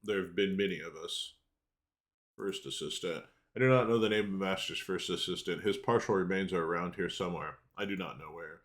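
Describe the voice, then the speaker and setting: Man playing a low-voiced, grumbling mage's assistant. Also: fairly quick, a bit bright. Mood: gloomy, resentful. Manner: archaic, morose, long-winded. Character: grumbling male assistant to a mad mage. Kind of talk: game dialogue read aloud.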